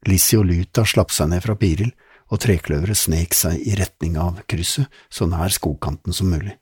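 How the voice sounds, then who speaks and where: A deep-voiced man reads a children's audiobook, building suspense as he goes. His voice is very husky and low, and he keeps the telling lively and expressive. The recording is close and dry. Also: no room sound. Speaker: narrator. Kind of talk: scripted narration.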